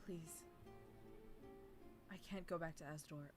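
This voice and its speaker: An actress playing a frightened young woman fugitive who pleads softly not to be sent away. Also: deep voice, fairly even intonation, slow, soft background music. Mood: desperate. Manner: soft, pleading, hushed.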